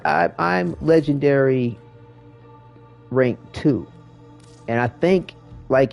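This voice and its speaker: Gravelly man rambling casually about a game. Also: mid-range voice, a little mellow. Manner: rambling, repeats words, slangy. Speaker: streamer showing a game to a viewer. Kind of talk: casual gaming chat and commentary.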